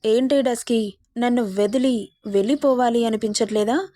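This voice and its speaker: A woman's voice: on the high side, normal speed, mellow, dry recording, clean studio sound, lightly acted. A woman voicing a possessive, domineering young man teasing the heroine in a romance story.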